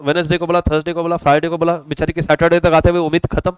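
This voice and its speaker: A man's voice: on the high side, little pitch movement, rapid-fire, clear, resonant tone, no room sound, low-quality recording. A young man teaching an online commerce class in a chatty, joking way, calling his students "beta". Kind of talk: casual online class lecture.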